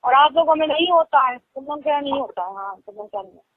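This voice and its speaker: Fast-talking and animated, a young woman with a high voice and a Lucknow Hindi accent chats casually as a phone caller. She laughs easily and explains things at great length, all over a tinny phone call recording.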